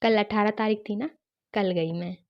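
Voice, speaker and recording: A woman's voice: medium pitch, steady tone, normal speed, muffled recording. A woman earnestly telling a personal story, retelling what others said to her. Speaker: guest sharing a personal testimony.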